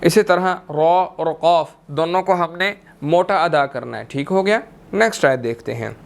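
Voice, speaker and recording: A man teaching tajweed, chanting verses slowly and melodically and then explaining them briskly. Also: on the high side, creaky. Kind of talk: tajweed lesson with chanted recitation.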